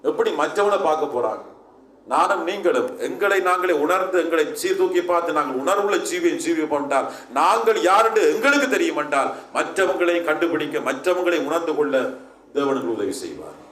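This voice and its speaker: A man's voice: a little high, expressive, brisk, fairly bright tone, roomy sound, distant mic, slight background noise. A man preaching a sermon as pastor, with emphatic, repetitive calls that rise in force.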